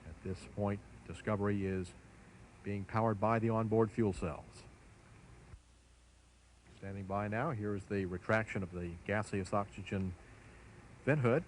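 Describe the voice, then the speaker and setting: Low-voiced male launch commentator. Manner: measured, formal. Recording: faint background noise.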